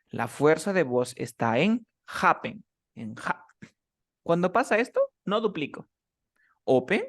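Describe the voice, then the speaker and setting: A man teaching English grammar in a one-on-one class, explaining rules step by step and checking often that his student follows. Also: mid-range voice. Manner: patient, keeps checking understanding with short questions.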